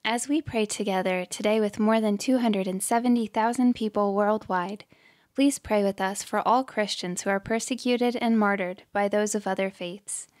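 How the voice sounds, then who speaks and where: A woman hosting a prayer podcast, reading scripted prayers in a slow, measured, prayerful way. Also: mid-range voice, fairly even intonation, a little mellow. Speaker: podcast host leading prayer.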